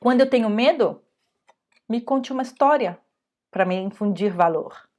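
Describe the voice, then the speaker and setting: A middle-aged woman with a Brazilian Portuguese accent teaching parents in an online lesson, pausing and restarting and often checking in with "ok?". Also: on the high side, darkish tone. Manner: halting, many restarts and checking "ok?". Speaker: educator leading a parenting course.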